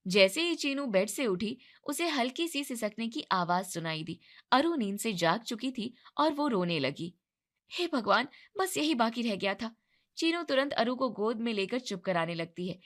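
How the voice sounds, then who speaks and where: Bright-voiced woman storyteller. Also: a little high, lively intonation, normal speed. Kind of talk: scripted narration.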